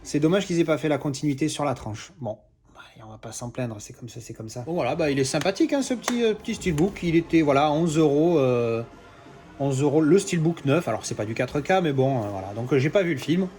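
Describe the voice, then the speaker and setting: A man's voice: a little high, animated, a little fast, a little mellow. Chatty man unboxing discs. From Marseille, France. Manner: chatty, many fillers and restarts, swears casually. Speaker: collector doing unboxings. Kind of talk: casual unboxing commentary.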